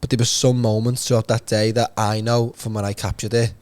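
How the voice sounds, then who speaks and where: A man, co-hosting a podcast in casual chat and telling stories in an animated way. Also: on the low side, brisk, no room sound. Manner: chatty, animated storyteller. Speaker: podcast co-host.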